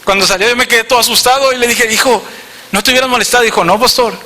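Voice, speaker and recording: Male pastor, northern Mexican accent, sharp high voice, lively storytelling sermon. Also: very fast. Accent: northern Mexican Spanish. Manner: storytelling, animated, addresses congregation directly. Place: church hall. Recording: reverberant church hall.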